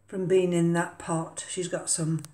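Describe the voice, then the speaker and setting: With a lowish, level voice at a measured pace, an older orchid vlogger chats casually as she pots an orchid in her home kitchen. She's hesitant, with many ums and uhs, and the recording has an echoey room and background noise.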